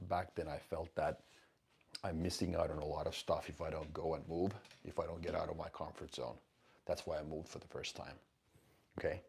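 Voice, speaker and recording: A man in his forties talks live to his viewers with a very low, gravelly voice. His tone is rough and husky, and he coaches bluntly and emphatically, swearing now and then. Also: darkish tone. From Finland. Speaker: host of a live stream. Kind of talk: casual live-stream talk answering chat questions.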